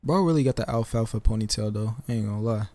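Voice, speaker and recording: A man's voice: lowish voice, fast, a little mellow. Laid-back young man reacting to anime. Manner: laid-back, slangy and amused. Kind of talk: casual reaction commentary. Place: small bedroom with purple lighting. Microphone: desk mic with foam cover, headphones on.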